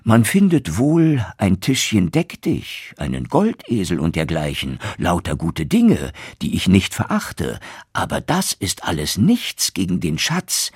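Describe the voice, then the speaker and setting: A man's voice: low voice, darkish tone, breathy edge, no room sound, clean studio sound, exaggerated voice. A man voicing a proud, stern young craftsman in a fairy tale, declaiming boldly. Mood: boastful. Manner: bold, boastful declaiming.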